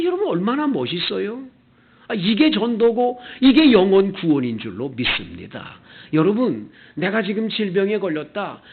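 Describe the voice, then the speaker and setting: A man preaching a Sunday sermon as pastor, animated and acting out the people in his stories. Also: high-pitched, gravelly. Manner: animated preaching, acting out quoted customers in character. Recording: tinny, phone-like church video audio.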